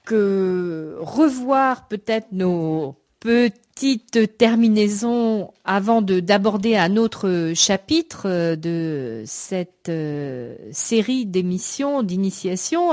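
Slow-speaking woman hosting a lesson. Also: medium pitch. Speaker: radio presenter.

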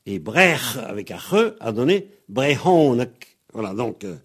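A man on the radio patiently explaining pronunciation like a teacher, spelling out letters and pausing on fillers. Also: lowish voice, very animated, slightly rough. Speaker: guest explaining Breton pronunciation.

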